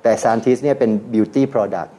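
Thai radio guest, male, low mellow voice, animated storyteller who drops English words. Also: slow. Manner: animated storytelling, mixing English terms, laughs. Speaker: guest brand owner. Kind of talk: radio talk show conversation.

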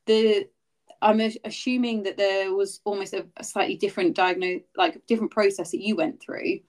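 A woman hosts a podcast interview. She talks in a chatty, empathetic way and works through her questions out loud. Her voice sits at a middle pitch. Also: steady tone, normal speed. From England. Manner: chatty, empathetic, thinks aloud. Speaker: podcast host. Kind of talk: casual interview chat.

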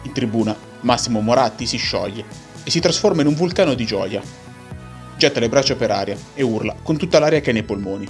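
Male narrator over clearly audible music. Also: medium pitch, lively intonation, a little fast. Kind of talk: scripted play-by-play storytelling.

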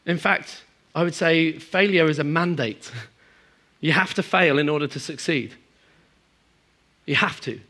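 A man preaching a sermon to a congregation, moving between emphatic high passages and quiet, low stretches. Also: measured pace. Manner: animated, swings from emphatic highs to quiet low asides. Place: church hall in front of a congregation.

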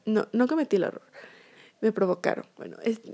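A woman's voice: medium pitch, lively intonation, fairly quick, mellow. A young woman telling a personal story to her viewers in a casual, rambling way, full of fillers. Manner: chatty, rambling, lots of fillers. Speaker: vlogger.

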